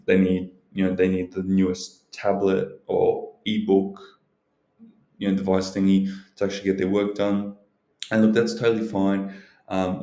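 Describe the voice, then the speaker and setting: A man's voice: low voice, dark tone. A man giving casual, unscripted advice as a video host, rambling and hedging with frequent filler phrases. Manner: rambling, hedging, leans on "you know" and "look". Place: indoors, in a library. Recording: roomy, echoing indoor sound.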